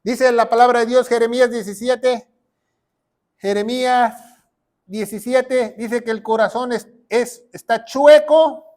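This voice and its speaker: A man's voice: very high-pitched, little pitch movement, measured pace, pauses often, darkish tone. A man preaching as a pastor and Bible teacher, asking rhetorical questions and reading verses aloud. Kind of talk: sermon teaching.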